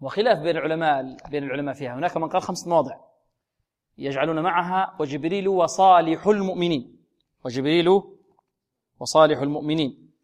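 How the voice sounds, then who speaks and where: A man teaching a Quran recitation lesson, asking questions and answering them himself, and drawing out the recited words slowly. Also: a little high, darkish tone.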